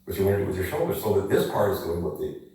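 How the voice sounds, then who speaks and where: A man demonstrating energy exercises to the camera, talking in a lively, coaxing way and asking rhetorical questions. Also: sits low, very fast. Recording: very echoey room, voice from a distance.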